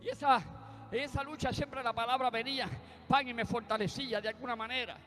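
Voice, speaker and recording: Bright, high preacher. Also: male voice, steady tone, a little fast. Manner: punctuates his story with calls of amen and praise. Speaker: preacher giving a testimony. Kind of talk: sermon testimony. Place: church. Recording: church hall reverb with faint music.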